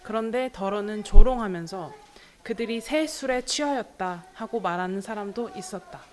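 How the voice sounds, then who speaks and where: A woman reading scripture aloud at a church service, brisk and steady. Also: medium pitch.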